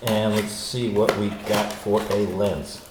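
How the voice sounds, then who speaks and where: A man's voice: fairly low pitch, little pitch movement, takes it slowly. Older American man in an echoey room. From United States. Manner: chatty, wry, grumbling asides. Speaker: host. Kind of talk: casual product unboxing. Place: large echoey room, not his usual studio. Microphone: studio mics set up nearby. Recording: echoey room with faint noise.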